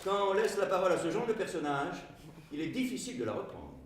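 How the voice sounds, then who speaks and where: A man's voice: high voice, big pitch swings, quick pace. A man telling a story on stage in a wry, theatrical way. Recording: echoey stage from far off.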